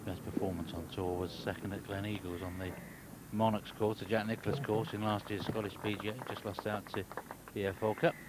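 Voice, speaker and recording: A man's voice: lowish voice, little pitch movement, brisk. A man giving live golf commentary in a conversational, informative way. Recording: very noisy outdoor broadcast sound.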